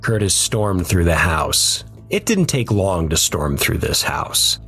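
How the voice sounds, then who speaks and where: A man giving measured, somber scripted narration of a dark first-person story. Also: sits low, husky, faint music behind.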